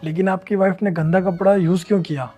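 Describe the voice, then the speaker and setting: Earnest lecturing young man, high voice. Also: steady tone, quick pace, warm tone, breathy edge, faint music behind. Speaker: customer, later doctor. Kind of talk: short social-message skit.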